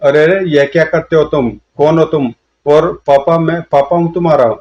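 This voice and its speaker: A man's voice: on the high side, fairly even intonation, moderate pace, a little mellow, natural voice. A man voicing a stern barrister father who questions a stranger, in a comic storybook reading. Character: stern, puzzled father, a middle-aged barrister. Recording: dull lo-fi audio.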